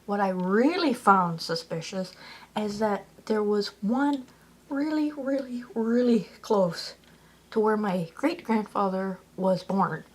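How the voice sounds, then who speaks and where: A woman's voice: medium pitch, slow pace, breathy edge. Chatty woman rambling casually. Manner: chatty, lots of "like", self-correcting. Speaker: vlogger.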